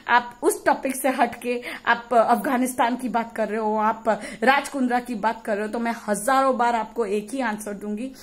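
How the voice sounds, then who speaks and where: A woman vlogger rants with fury and force, hurling insults at her critics. Her voice sits a little higher than most. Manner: mixes English phrases into Hindi. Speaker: YouTuber. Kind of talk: impassioned vlog rant.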